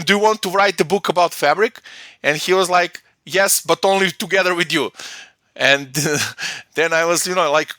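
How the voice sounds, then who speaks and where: A man's voice: high voice, pushed and bright, no room sound. A man from Serbia, a guest in a conversational interview, talking hesitantly with many fillers and restarts. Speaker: guest, data platform consultant.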